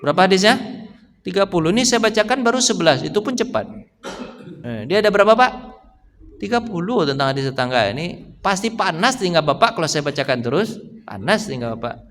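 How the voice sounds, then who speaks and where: High-voiced male preacher in an echoing mosque. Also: big pitch swings, fairly quick, long pauses, fairly bright tone. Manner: keeps asking the congregation questions, addressing them as sir. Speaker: Islamic preacher. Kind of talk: casual morning mosque study talk. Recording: echoey mosque hall with long reverb.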